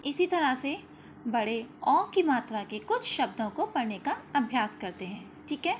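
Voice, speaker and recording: A woman's voice: sits high, sing-song. A woman teaching young children a school lesson, explaining patiently, stretching out syllables for them to repeat, and often checking in with "okay" and "very good". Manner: slow patient explaining, drawn-out sounds repeated; frequent "ठीक है" and "very good" checks. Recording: slightly dull lo-fi audio with faint hiss.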